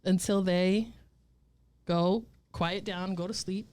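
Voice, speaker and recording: A woman in her fifties telling stories as a guest in a casual interview, blunt, profane and animated. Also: mid-range voice, slow, clear, resonant tone. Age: 50s. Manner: animated storytelling.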